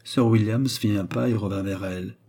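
Male audiobook narrator, husky, mellow, measured reading. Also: lowish voice, steady tone. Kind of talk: scripted narration.

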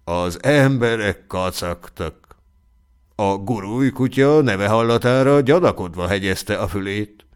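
A man narrating a classic short story for an audiobook, in a measured storytelling manner. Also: lowish voice, smooth. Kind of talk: scripted narration.

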